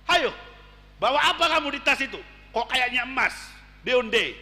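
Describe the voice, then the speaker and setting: A man voicing a blustering male highway robber who threatens his victim, recorded in an echoey hall. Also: expressive, normal speed, bright, forceful tone, soft background music, exaggerated voice. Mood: threatening.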